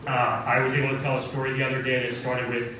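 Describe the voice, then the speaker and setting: A man's voice: mid-range voice, completely flat delivery, fast, sharp tone. Man in his forties, stand-up comedy, self-deprecating punchlines, noisy live room. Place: coffee house stage. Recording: very echoey room, far mic, audience noise.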